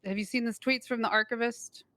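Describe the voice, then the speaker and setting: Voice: medium pitch, steady tone, brisk, bright, forceful tone, no room sound. A person role-playing a gang member in a crime game, explaining in a hesitant, conciliatory way. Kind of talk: improvised role-play in an online crime game.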